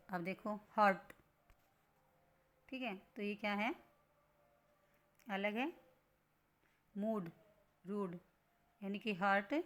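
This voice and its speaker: Slow, patient woman teaching a lesson. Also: medium pitch. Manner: slow, patient, repeats and asks questions. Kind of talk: classroom lesson explanation.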